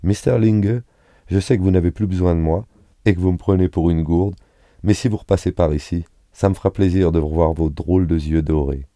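A man's voice: low-pitched, brisk, mellow, no room sound, studio quality, lightly acted. A man voicing an uninhibited, playful young woman in an audiobook reading. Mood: teasing. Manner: frank and teasing.

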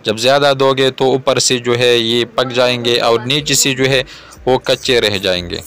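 A man in his thirties from Pakistan, hosting a cooking video and calmly explaining each step to viewers outdoors. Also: mid-range voice, moderate pace. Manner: calm, repetitive explaining, addresses viewers directly. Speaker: cooking channel host. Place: outdoors in a garden yard.

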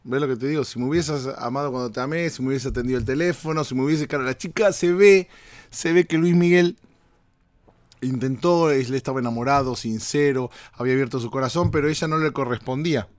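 Hoarse, joking Argentine man hosting. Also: mid-range voice, fairly quick, dry recording. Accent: Argentine Spanish. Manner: playful, rambling, addresses listeners directly. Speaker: podcast host. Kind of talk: casual comedic monologue. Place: hotel room.

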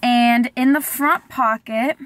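A young woman vlogs casually from a parked car, filmed by a camera on the dashboard. Her voice is fairly high and fairly bright, and she speaks slowly, chatty and giggly, saying "like" a lot. The recording is dry.

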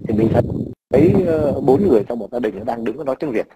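A man's voice: mid-range voice, fast, background noise. A man in his sixties from Vietnam with a Northern Vietnamese accent, telling blunt, profane stories in casual chat. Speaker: emigrant father.

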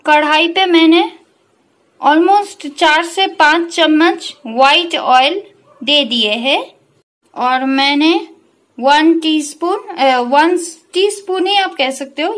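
A woman hosts a casual cooking tutorial for her channel from her home kitchen, chatting with viewers like friends as she explains each step. Her high-pitched, fairly bright voice is slow, and the recording is rough.

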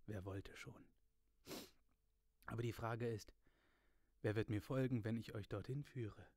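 A man reading aloud voices an old, wise male wizard, speaking in a measured, calm, slightly lowered voice. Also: dry recording, clean studio sound.

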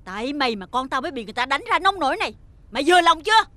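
A wealthy mother in a TV drama, speaking with a Southern Vietnamese accent. Her voice sits high and turns shrill and scolding. She fusses over her own son but tears into the boy she blames. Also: expressive, normal speed, a bit bright, no room sound. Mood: furious. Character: wealthy mother, doting to her son, harsh to his friend. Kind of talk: TV drama acting.

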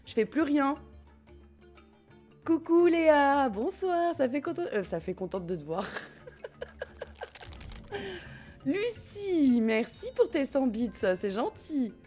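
A woman's voice: fairly high pitch, very animated, normal speed, few pauses, warm tone. Chatty French woman streaming over game music. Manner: chatty, giggly, swears casually, talks to chat. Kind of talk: casual live-stream chat while gaming.

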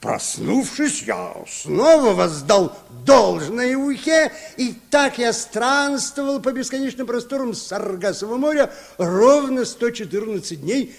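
An actor playing a boastful, excitable baron telling tall tales in a theatrical, pompous old radio play manner. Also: male voice, sits high, gravelly, heavily acted. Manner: theatrical, pompous, wildly dramatic. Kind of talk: mid-century Soviet radio play storytelling. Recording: reverberant old radio drama recording.

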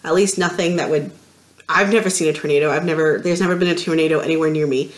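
A woman from Canada co-hosting a casual podcast, talking in a lively, laughing, self-mocking way. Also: sits low, quick pace. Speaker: podcast co-host. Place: home craft room, seated with co-host.

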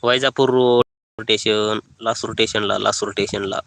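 A man's voice: on the low side, steady tone, normal speed, gravelly, fairly bright tone, a little hiss or hum. A young man, chatting casually on a phone live stream from a brick kiln and greeting viewers by name. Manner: easygoing, greets viewers by name, repeats phrases. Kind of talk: casual live-stream chat reading comments.

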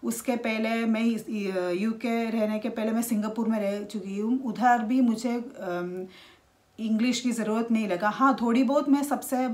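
High-voiced woman vlogging. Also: steady tone, darkish tone. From India. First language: Malayalam. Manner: halting, many restarts and fillers. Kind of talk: casual talk to camera.

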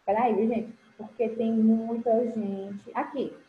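A woman's voice: fairly high pitch, steady tone, slow pace. A woman with a Brazilian Portuguese accent teaching English numbers to children in an online class, encouraging them with pet names. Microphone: video call. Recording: roomy, dull video-call audio with faint hiss.

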